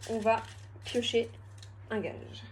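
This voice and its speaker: A young woman chatting casually at home through a challenge vlog, self-mocking and quick to laugh. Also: on the high side, steady tone, a little hiss or hum. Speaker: vlogger.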